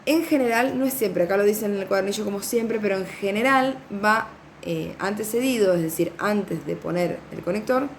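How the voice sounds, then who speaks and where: A woman's voice: mid-range voice, a little hiss or hum. Patient woman teacher explaining grammar. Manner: patient, explanatory, frequent "¿sí?" checks and fillers. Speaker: Portuguese teacher. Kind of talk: recorded class explanation.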